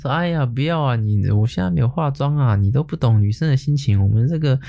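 A man's voice: medium pitch, animated, fast talker, gravelly, mellow, no echo. Man mimicking a coy scammer woman. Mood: coy whining. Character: coy young female online scammer.

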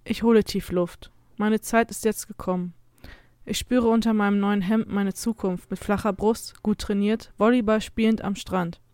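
A woman's voice: mid-range voice, fairly even intonation, moderate pace, a little mellow, clear, resonant tone, no room sound. Woman reading a story, dry close sound. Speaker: narrator. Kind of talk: scripted first-person story reading.

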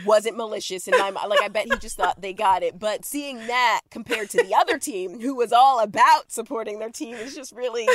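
A woman with a fairly high voice hosts a casual recap podcast from inside a closet. The sound is close and dry, muffled by the small space. She talks in an animated, giggly, slangy way. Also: brisk, few pauses, no echo. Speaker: podcast host.

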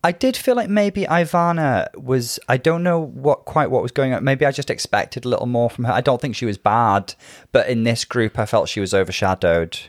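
A man co-hosting a podcast in casual chat, measured and agreeable, giving balanced opinions on a close dry mic. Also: mid-range voice, lively intonation, no echo. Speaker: podcast co-host.

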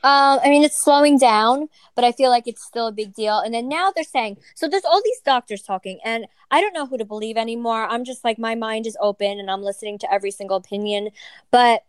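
A woman's voice: fairly high pitch, fairly quick, clear, resonant tone, dry recording. A woman co-hosting a podcast who runs a store, sharing opinions in earnest casual chat. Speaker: podcast co-host; store owner.

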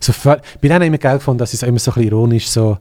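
A man's voice: mid-range voice, racing, dark tone. A middle-aged man with a Swiss German accent, a slam poet and guest, rambling and joking in casual chat. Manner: rambling, joking, self-mocking.

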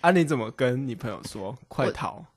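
A woman, co-hosting a podcast and prompting her partner with quick follow-up questions. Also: rumbling low, lively intonation, a little mellow, husky. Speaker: podcast co-host. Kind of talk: casual chat, prompting questions.

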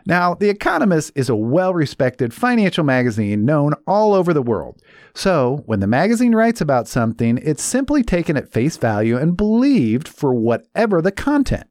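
A man with a wildly animated voice that swoops up and down as he talks, playful and joking. He speaks as a financial planner in a casual chat. The sound is dry and close, with no room around it. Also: fairly high pitch, moderate pace, no room sound. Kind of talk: casual talk about money hoaxes.

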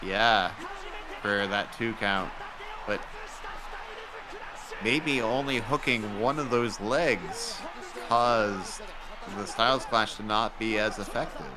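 A man's voice: fairly low pitch, takes it slowly, pauses often, rough recording. A man doing wrestling commentary on a match, explaining the moves and calling the counts. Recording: crowd noise behind the voice.

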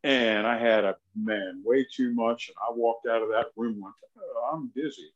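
A man's voice: on the low side, steady tone, normal speed, highs cut off. A man chatting casually on a fitness talk show, telling jokey stories against himself. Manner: jokey, self-deprecating storyteller. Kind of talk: casual chat.

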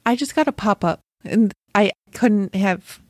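A woman hosts a podcast in a lively, effusive way, quick to exclaim. Her voice is recorded close and dry, with no room sound. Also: mid-range voice, dry recording. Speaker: podcast host. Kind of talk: casual conversation.

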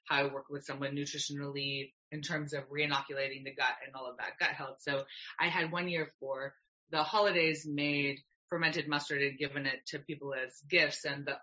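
Bright-toned woman telling a story. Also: deep voice, little pitch movement, normal speed, highs cut off. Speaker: podcast guest, nutrition practitioner. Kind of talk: conversational storytelling.

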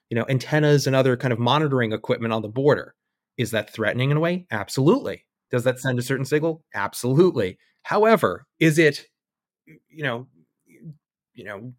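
A man's voice: mid-range voice, no room sound, clean studio sound. A man as a guest analyst in a conversational podcast interview, thinking aloud with wry asides. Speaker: guest analyst on militia groups.

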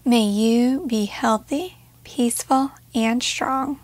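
A woman guides a meditation gently and at a measured pace, leaving pauses between short phrases. Her voice is a little high, and the recording is dry.

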